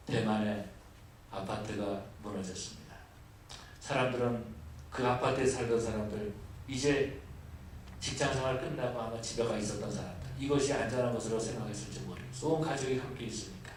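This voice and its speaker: A man preaching a sermon as pastor, moving from quiet, low asides to loud, high, emphatic lists. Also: a little hiss or hum. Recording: echoey hall, voice from far off.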